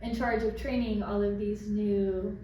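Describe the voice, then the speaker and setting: A woman's voice: medium pitch, level tone, normal speed, mellow, highs cut off. A woman interviewing in a casual, chatty way, reacting with short interjections. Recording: very echoey, distant mic, faint noise.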